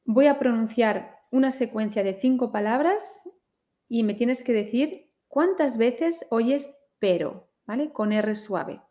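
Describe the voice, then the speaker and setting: A woman teaching pronunciation, saying each word slowly and carefully in a listening drill. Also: a little high, warm tone. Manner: very slow, carefully articulated minimal pairs.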